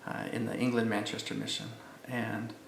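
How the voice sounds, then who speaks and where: A middle-aged father telling a personal story in a measured, plain-spoken interview. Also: fairly low pitch, little pitch movement, vocal fry, slight background noise. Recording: roomy room sound.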